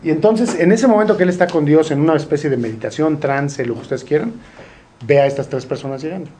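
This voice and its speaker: A man's voice: a little high, fast talker, warm tone. A man teaching a Torah study group, asking questions and translating Hebrew quotes. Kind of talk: informal study-group lesson.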